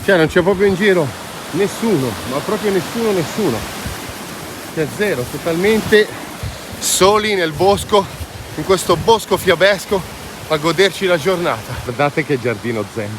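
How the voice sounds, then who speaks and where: Walking a mountain trail, a hiking vlogger chats casually and enthusiastically into the camera in an informal, exclamatory way. His voice is a little high and expressive at a normal speed, with outdoor noise and ambient hiss in the background.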